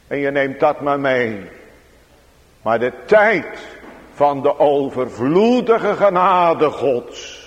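A man preaching a sermon in a church, speaking solemnly with sudden raised emphatic passages. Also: mid-range voice. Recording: dull sound with long hall reverb.

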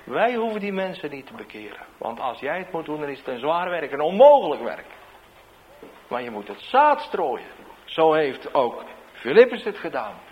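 A man, a street evangelist, tells a testimony in an animated storytelling way, swinging between loud bursts and hushed asides. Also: a little high, normal speed, highs cut off.

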